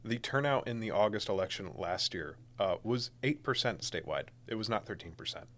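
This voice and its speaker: Emphatic young man with a low voice. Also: animated, fairly quick, fairly bright tone. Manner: emphatic, opinionated, sarcastic. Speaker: podcast co-host. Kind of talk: casual political chat.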